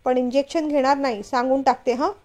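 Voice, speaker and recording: A woman's voice: high voice, fairly even intonation, fairly quick, darkish tone, close to an everyday voice. A woman reading a story, voicing a stubborn, frightened young wife who whines and refuses. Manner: whiny, stubborn.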